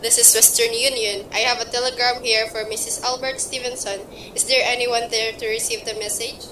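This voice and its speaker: A woman playing a flat, businesslike telegraph clerk reading out a message in an amateur radio play. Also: fairly high pitch, fairly quick, natural voice. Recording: echoey, distant, noisy amateur recording.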